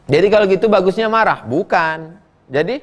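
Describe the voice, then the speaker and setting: The recording is muffled, capturing a middle-aged preacher with a high voice speaking at a moderate pace. He takes audience questions in a funny sermon, bantering in a folksy way and spinning lively tales.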